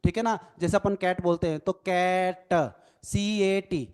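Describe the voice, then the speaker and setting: This NLP trainer's recorded lecture features a high-pitched, slow, fairly even voice that is a little mellow, clear, and resonant. He walks through ideas step by step in Hindi with English phrases, spelling out words letter by letter and repeatedly adding "ठीक है ना" as a check.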